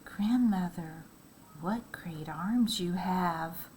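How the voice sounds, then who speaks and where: An innocent little girl from a storybook, voiced by a woman reading aloud speaks slowly and eagerly. Her lines rise higher than the narration, with a sing-song lilt. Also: animated, slight background noise, poor audio. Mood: wondering.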